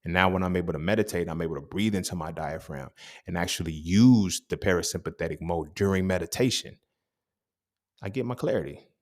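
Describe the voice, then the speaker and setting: Brisk and low-voiced, this young man delivers a casual, motivational podcast monologue. Swearing freely and speaking with emphasis, he repeatedly asks his listener, "you feel me?".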